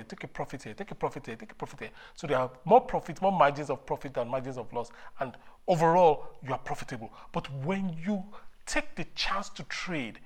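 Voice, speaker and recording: Fervent woman preacher, emphatic and repetitive. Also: sits low. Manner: rhetorical questions answered by the preacher.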